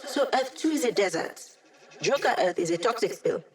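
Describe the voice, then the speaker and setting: A woman's voice: mid-range voice, expressive, normal speed, natural voice. Woman acting as a young female hacker, video game ally, wry, teasing, casual, playful.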